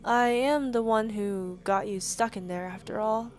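A woman acts out an eager-to-please female rabbit servant in a fairytale audio drama. Her voice is fairly high, polite and formal, with an apologetic, deferential way of talking. There is faint ambient noise behind it. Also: a little slow, darkish tone, natural voice. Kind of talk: audio roleplay drama acting.

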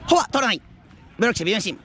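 A man giving live futsal commentary outdoors, with excited calls that rise into drawn-out goal shouts. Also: sits high, a faint crowd. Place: outdoor floodlit futsal pitch at night. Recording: outdoor action camera with ambient noise.

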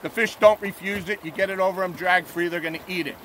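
This fishing guide, fairly high-voiced and relaxed, talks plainly with plenty of "uh"s while reporting on fishing from a boat outdoors. The camera is mounted on the boat at arm's length, the rushing river is faintly audible, and the recording quality is low.

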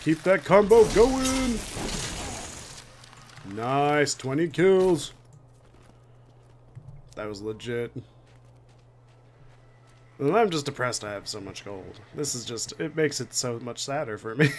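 A man's voice: mid-range voice, expressive, slow, pauses often, darkish tone, slight background noise. A young man giving casual, sweary, joking commentary as he plays a game. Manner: sweary, joking, reacting aloud. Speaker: gamer commentating a playthrough. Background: game music.

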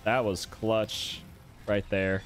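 Low-voiced male streamer with hiccups. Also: flat delivery, takes it slowly. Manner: chatty, reacting to the game with small exclamations. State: has the hiccups. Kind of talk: casual gameplay commentary. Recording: faint music behind.

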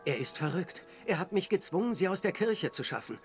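An actor playing a frightened, guilt-ridden guard in a video game, anxious and earnest. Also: male voice, high-pitched, expressive, brisk, faint music behind. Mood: distraught. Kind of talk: video game dramatic voice acting.

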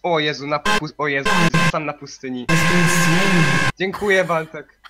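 A man's voice: a little high, unhurried, over loud music. A man in a casual gaming chat, gushing and exclamatory.

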